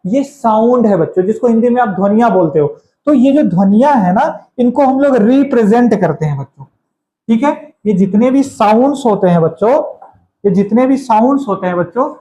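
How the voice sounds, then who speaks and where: A man's voice: extremely high pitch, warm tone. A man teaching a grammar lesson, calling his students kids, repeating each point and quizzing them. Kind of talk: classroom lecture. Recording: echoey room.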